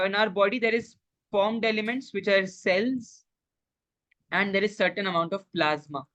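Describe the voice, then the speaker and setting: An Indian woman teaches a live online lesson in a bright, forceful voice at a middling pitch. She puts questions to her students and encourages them, moving freely between Indian-accented English and Hindi. The sound is dry, with very little room echo.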